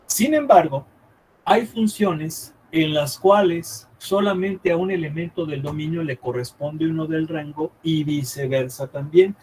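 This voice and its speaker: A math teacher with a somewhat high voice lectures a live class. He repeats his points, thinks aloud as he draws, and keeps checking whether the students follow. A faint hum of room noise sits behind him. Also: a little mellow, poor audio. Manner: checks understanding often with quick questions, repeats himself; thinks aloud while drawing on the board.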